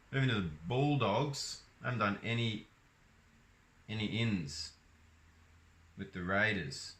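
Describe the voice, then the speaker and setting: Aussie guy rambling about footy on his vlog, kinda low voice, lots of ums. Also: bright, forceful tone. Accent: Australian. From Australia. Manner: rambling, hesitant, with many ums and restarts. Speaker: sports vlogger. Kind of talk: casual solo vlog.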